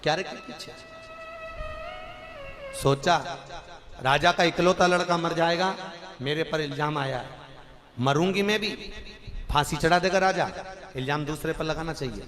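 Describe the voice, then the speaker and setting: A man's voice: fairly high pitch, unhurried, long pauses, soft background music. A male preacher telling a story in an echoey hall. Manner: animated, dramatic, voices the figures. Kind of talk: devotional sermon storytelling.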